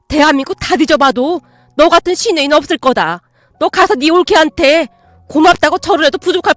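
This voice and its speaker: A woman's voice: high voice, no echo. A woman doing a furious scolding mother. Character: angry middle-aged mother, shouting scolding.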